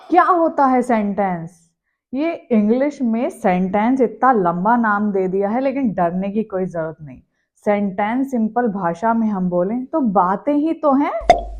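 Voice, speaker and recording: A woman teaching a grammar lesson in a lively, animated classroom way, acting out little everyday quotes. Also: a little high.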